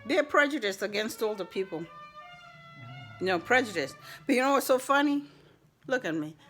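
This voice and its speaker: An older woman telling a personal story to the camera with indignant, animated energy and laughs. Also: a little high, normal speed, soft background music. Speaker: vlogger.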